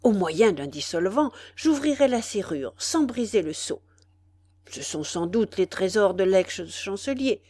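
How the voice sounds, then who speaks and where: A woman's voice: medium pitch, lively intonation, a little slow, warm tone. A woman doing a fretful old concierge. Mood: gloating. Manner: fretful, breathless muttering to himself. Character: timid, greedy old male concierge.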